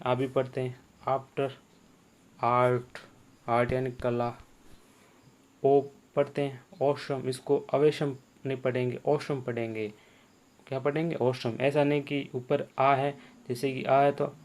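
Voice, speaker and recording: A man's voice: medium pitch, a little mellow. A man teaching the sounds of English letters, repeating each sound and quizzing the viewer. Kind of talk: spoken language lesson.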